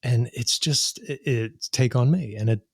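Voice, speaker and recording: A middle-aged man, a singer-songwriter guest on a podcast, telling his story with animated delivery, frequent laughs and imitated sounds. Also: medium pitch, measured pace, gravelly, no echo, clean studio sound.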